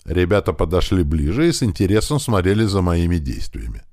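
A man reading a first-person audiobook with expressive storytelling. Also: low voice, brisk, no echo, studio quality. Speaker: audiobook narrator.

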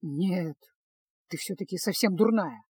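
A woman reading a storybook, voicing a gruff, sardonic male mage in a curt, grumbling manner. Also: mid-range voice, lively intonation, normal speed, no echo, studio quality. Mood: stern.

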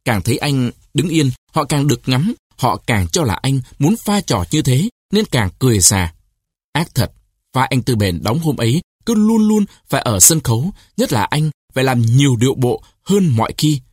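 A man reading a short story aloud with expressive storytelling, raising his voice for cries and quoted shouts. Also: medium pitch, normal speed, breathy edge, no echo, clean studio sound. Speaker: narrator.

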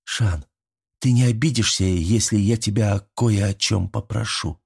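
A man with a husky, gravelly voice voicing a frightened, loving young woman in an audiobook. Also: unhurried, exaggerated voice. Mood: tender. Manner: pleading, voice raised high. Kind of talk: audiobook character voice.

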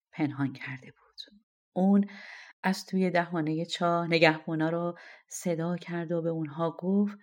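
A woman narrating a fairy-tale audiobook in an expressive storytelling manner. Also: mid-range voice.

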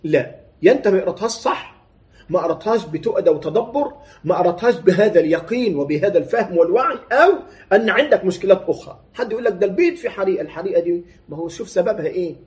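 An Egyptian preacher delivers a sermon at a quick clip, his voice mellow and sitting a bit higher than most men's. He slides from formal recitation into plain colloquial talk and keeps firing rhetorical questions at his listeners. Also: lively intonation. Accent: Egyptian Arabic.

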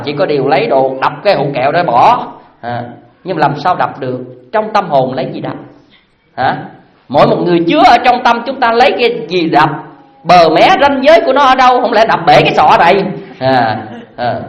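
A Buddhist dharma teacher, giving a sermon with lively storytelling and many questions put to the listeners. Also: mid-range voice, brisk, echoey room, lo-fi sound. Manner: lively storytelling with frequent rhetorical questions to the audience.

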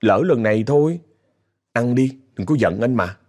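A man's voice: medium pitch, animated, moderate pace, a little mellow, husky. Man doing a meek, pleading young boyfriend. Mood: placating. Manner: pleading, placating.

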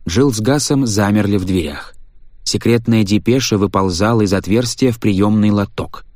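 A man narrating an audiobook story in a measured, even manner. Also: lowish voice, dry recording, clean studio sound. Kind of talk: scripted narration.

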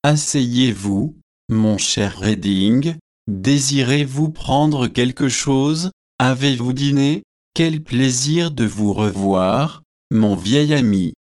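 A man reading aloud and voicing a warm, eager young male student who welcomes an old friend, in a slow, measured way. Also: medium pitch, dry recording, studio quality, natural voice. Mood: welcoming.

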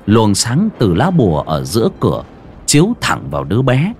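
A man narrating a horror story with dramatic, suspenseful pacing and sharp rises and drops. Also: lowish voice, huge pitch swings, normal speed, faint music behind.

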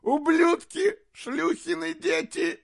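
A man reading an audiobook, voicing an enraged male court jester who shouts curses. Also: very high voice, fairly even intonation, slow pace, creaky, voice pushed up, full character voice. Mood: raging.

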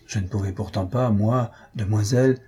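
A man reading aloud and voicing an earnest young woman who explains herself calmly. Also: lowish voice, normal speed, slightly rough. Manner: calm, explaining, a little amused.

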